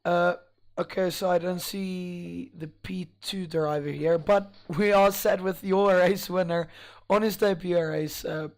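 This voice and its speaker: A man with a fairly high, wheezy and strained voice works as a live esports commentator. He interviews drivers after the race, feeling his way through questions with many halting pauses. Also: steady tone.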